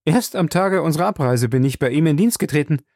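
An excitable young French manservant, as a male reader puts him on, chattering away with pride and ready indignation. The voice sits high and leaps widely in pitch, with a gravelly edge. The audiobook sound is dry and close. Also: quick pace, no echo. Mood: chatty.

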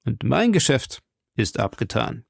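A man's voice: mid-range voice, big pitch swings, unhurried, vocal fry, dry recording, clean studio sound, heavily acted. A man voicing a scornful, mocking English nobleman in an audiobook, with a sneering manner. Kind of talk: audiobook character voice.

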